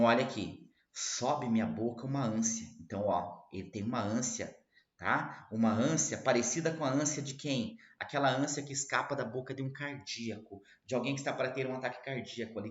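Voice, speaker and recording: A man's voice: mid-range voice, roomy sound, lo-fi sound. A Brazilian man teaching literature in a casual classroom style, reading verses aloud and explaining them with frequent "né" and "tá". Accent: Brazilian Portuguese. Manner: chatty, full of "né" and "tá", reads verse aloud slowly.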